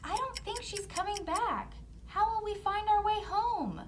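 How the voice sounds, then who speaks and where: Woman doing a high, earnest storybook child. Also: animated, measured pace, slight background noise. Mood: worried. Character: young children lost in woods, earnest and wary.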